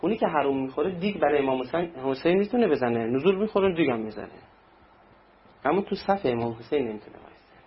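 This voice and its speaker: A man's voice: fairly high pitch, lively intonation, slight background noise. A man preaching a sermon in a conversational way, acting out little anecdotes. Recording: dull lo-fi recording with faint ambience.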